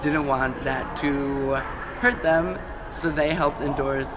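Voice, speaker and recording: Over a noisy background, a man with a mid-range voice hosts a conspiracy video shot on a phone camera, rambling casually to the camera at a slow pace. He's a little sick and losing his voice, and his loose, chatty talk is full of ums and self-corrections.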